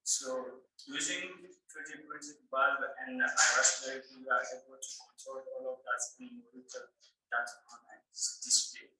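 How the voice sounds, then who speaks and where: A man with a Malian accent gives a halting, prepared project presentation, restarting and using fillers. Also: mid-range voice, pushed and bright. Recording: echoey room, distant mic.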